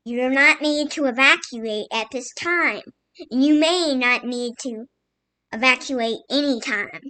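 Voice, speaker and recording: A woman delivers a mock emergency alert, reading slowly and formally and halting between phrases like a scripted civil announcement. Her high voice is bright, forceful, and smooth.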